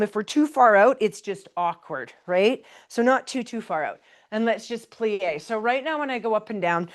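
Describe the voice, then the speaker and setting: A woman pilates instructor talks a class through each move. She calls breaths and counts in a friendly, encouraging way. Her cues are conversational rather than scripted. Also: a little high. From Canada. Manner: chatty, laughs between cues. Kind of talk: live exercise class instruction.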